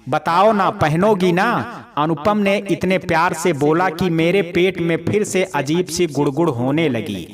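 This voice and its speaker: A man narrating a first-person family story in a calm, unhurried storytelling manner. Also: on the high side, a crowd in the background.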